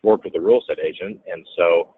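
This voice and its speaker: The speaker is a guest real estate businessman whose husky, low voice moves briskly through a story in an informal interview. He's animated, performing other people's lines in a raised voice, and the sound is tinny and phone-like with no room sound.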